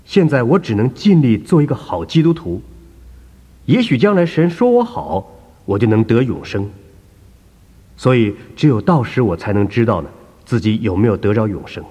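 A man doing an elderly woman of faith, her voice high and husky as she protests again and again. It swings widely up and down and rings through a large echoing hall. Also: big pitch swings, moderate pace, warm tone, dull audio, exaggerated voice. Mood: earnest. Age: older. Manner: insistent, rising protests. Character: elderly devout woman, anxious and indignant.

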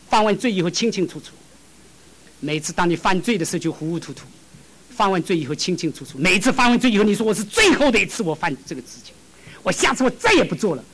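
A man preaching a sermon, telling stories with acted dialogue and swinging from loud to hushed. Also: high voice.

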